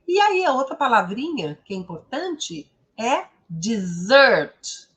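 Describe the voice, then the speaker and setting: Brazilian woman teaching english, slow careful pace, repeats words and checks in a lot, bouncy voice. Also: a little high, big pitch swings, a bit bright. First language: Portuguese. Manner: repeats words slowly for pronunciation, asks tag questions. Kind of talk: didactic explanation of pronunciation.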